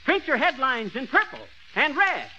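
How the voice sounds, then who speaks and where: An actor playing a brash, pushy husband full of crackpot schemes in cocky, wisecracking screwball banter, in 1940s radio comedy style. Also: male voice, very high voice, big pitch swings, normal speed, sharp tone, a little hiss or hum, heavily acted. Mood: eager, pushy. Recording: dull vintage radio recording.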